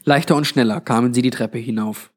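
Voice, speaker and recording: Man narrating a suspense story. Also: medium pitch. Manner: measured, storytelling. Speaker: audiobook narrator. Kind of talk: scripted narration.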